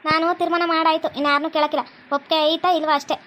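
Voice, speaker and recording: A woman's voice: high voice, level tone, racing, fairly bright tone. A woman with a North Karnataka Kannada accent, voicing the women of a home cartoon in a dramatic, scolding way. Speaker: voices all female characters. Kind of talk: cartoon voice acting.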